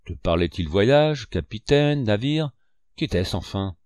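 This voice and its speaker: A man's voice: lowish voice, animated, measured pace, a little mellow, no room sound, clean studio sound. A man reading an audiobook, voicing a scheming one-legged innkeeper who blusters with theatrical indignation. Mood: blustering.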